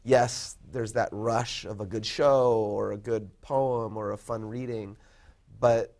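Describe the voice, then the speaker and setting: A man in his fifties, a poet and professor, talking in a casual interview, thoughtful and modest, pausing often with ums and restarts. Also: fairly low pitch, fairly even intonation, darkish tone. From born in Korea, raised in California. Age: 50s. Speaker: poet and college professor, guest.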